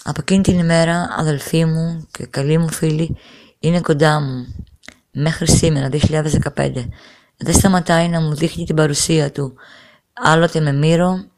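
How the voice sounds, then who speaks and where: A middle-aged woman telling a personal testimony in an earnest, halting way, repeating phrases and restarting sentences. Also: low-pitched, steady tone, a little mellow. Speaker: storyteller giving a personal testimony. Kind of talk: emotional first-person testimony.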